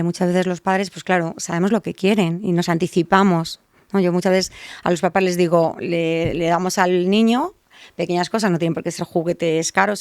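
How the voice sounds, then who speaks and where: A woman speaks as an expert guest in a podcast interview, patiently walking parents through practical advice. Her voice sits low with a gravelly edge. The sound is dry and close. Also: dry recording. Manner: clear explanatory talk with lively acted examples for parents. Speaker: child language specialist guest.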